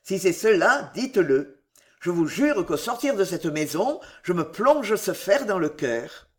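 A man playing a proud young swordsman who speaks hoarse and stammering with fervent despair. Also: high voice, big pitch swings, unhurried. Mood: desperate.

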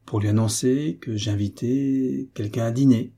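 A man reading aloud as a bold young soldier who teases his uncle in a lively, resolute way. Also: mid-range voice, moderate pace, vocal fry, breathy edge. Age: young adult.

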